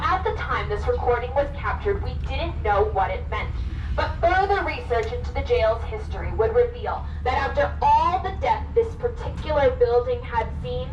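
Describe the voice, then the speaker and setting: Female ghost tour guide, high voice, spooky theatrical storytelling with dramatic pauses, muffled distant recording. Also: background noise.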